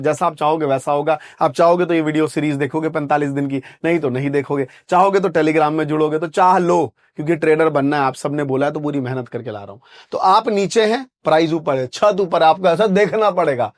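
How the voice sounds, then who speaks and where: A man's voice: on the high side, brisk, hardly any pauses, no room sound. A man. He keeps firing rhetorical questions and answering them himself. The recording is dry and close, with no room sound. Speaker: trading teacher. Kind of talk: chart lesson screen narration.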